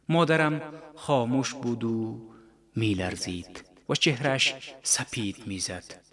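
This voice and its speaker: A man reading a literary story on radio, calm and measured. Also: mid-range voice. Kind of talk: scripted literary narration.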